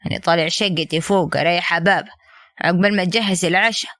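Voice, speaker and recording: A harsh, domineering husband, as a woman storyteller puts him on, speaking in a lowered, gruff voice with an Upper Egyptian accent. He gives orders and insults in a quick, clipped rush. The voice is recorded dry and close. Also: fairly even intonation, a bit bright, no echo, close to an everyday voice. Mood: stern. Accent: Upper Egyptian Arabic.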